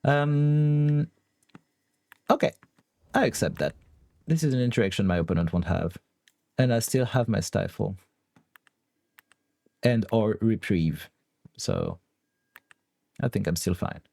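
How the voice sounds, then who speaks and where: A French-accented young man thinks aloud through a card game, weighing each move and laughing at the swings. His voice sits low and he takes his time. The sound is close and dry. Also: expressive, takes it slowly, vocal fry, pauses often, a little mellow, no echo. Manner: deliberating, laughs often. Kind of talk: thinking aloud while playing online.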